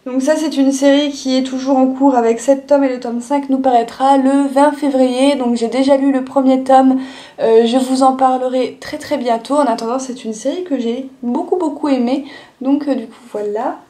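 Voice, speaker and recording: A woman's voice: high voice, fairly even intonation, moderate pace, dark tone. A young woman showing her monthly manga purchases in a casual haul video, chatting with frequent fillers and restarts. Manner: chatty, lots of "euh" and "du coup" fillers.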